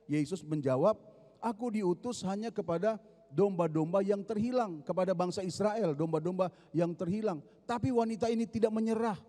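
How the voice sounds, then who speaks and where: A man's voice: sits high, normal speed, mellow. A man with an Indonesian accent preaching a sermon as a pastor in a large church hall, telling a story dramatically with emphatic rises. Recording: long hall reverb.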